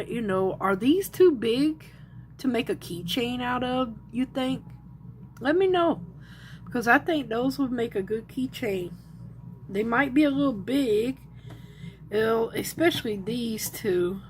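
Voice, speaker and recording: A woman's voice: fairly high pitch, slight background noise. A woman hosting a casual crafting vlog, chatting and thinking aloud as she shows her work. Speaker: resin crafter and channel host. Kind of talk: casual show-and-tell vlog.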